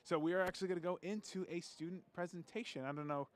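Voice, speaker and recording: Guy hosting a live show at a showcase, super eager, keeps repeating words, pretty high voice. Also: steady tone, fast talker. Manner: enthusiastic, repetitive, with stumbles. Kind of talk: live event reporting.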